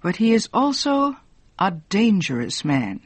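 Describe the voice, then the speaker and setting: List: narrator doing grave old professor, slow and deliberate, lively pitch, dry close sound. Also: breathy edge, no echo.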